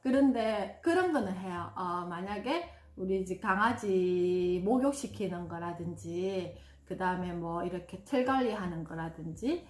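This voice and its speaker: A woman's voice: on the low side, expressive, measured pace, few pauses. Echoey-voiced woman teaching parents. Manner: warm, demonstrative, acts out gushing praise in bursts. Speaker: parenting educator. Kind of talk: parent-education talk reading from a book. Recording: roomy echo.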